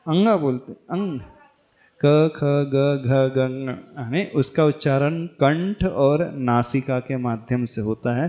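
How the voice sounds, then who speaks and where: A man, a monk, leads a devotional scripture lesson. His voice sits slightly high and moves at a slow, deliberate pace. He explains each sound patiently and asks his listeners questions along the way. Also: a little mellow. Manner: slow chanting of Sanskrit verses, then patient explaining. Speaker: Jain monk teaching scripture.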